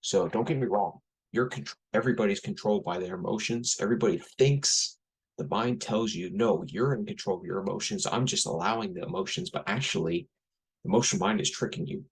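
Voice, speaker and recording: A podcast host in his thirties with a headache rambles through a blunt, casual monologue, full of fillers, restarts, and self-corrections. His fairly low voice is animated and a little fast, with vocal fry and a breathy edge. The recording is rough.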